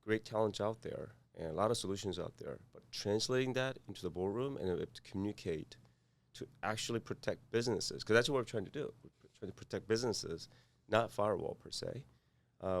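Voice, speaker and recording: A man from South Korea with a Korean accent, a podcast guest speaking haltingly with many fillers and restarts. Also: on the low side, gravelly. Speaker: guest, cybersecurity firm founder. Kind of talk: podcast interview.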